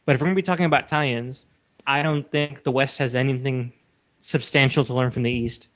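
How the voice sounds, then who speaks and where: On dull, lo-fi audio, a male podcast co-host from a Western country pushes his opinions casually but with assertive emphasis, steering the talk. His medium-pitched voice is a bit bright, with fairly even intonation and a slightly fast pace.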